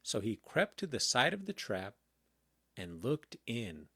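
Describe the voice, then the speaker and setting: A man reading a children's storybook aloud in a calm, gentle bedtime manner. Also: mid-range voice, slightly rough, dry recording, clean studio sound. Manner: slow, gentle, very expressive. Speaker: audiobook reader.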